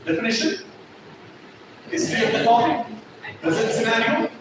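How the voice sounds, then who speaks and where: A man with a very high voice lectures at a moderate pace, working as a trainer in front of a class. He speaks with emphasis, goes over points again and confirms the class follows. Sound comes through noisy and echoey from a distant classroom mic.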